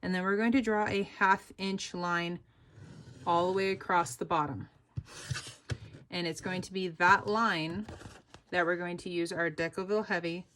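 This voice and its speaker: Here a young woman who designs sewing patterns talks viewers through one, step by step. Her voice sits on the low side with a bit of brightness, and her delivery is chatty, upbeat and packed with fillers such as "like" and "oop".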